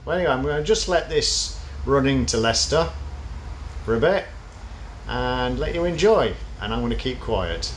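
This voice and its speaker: A man's voice: mid-range voice, lively intonation, moderate pace. A man giving a casual, explanatory vlog commentary from inside a parked bus. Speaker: bus enthusiast presenting a video. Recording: noisy vehicle ambience.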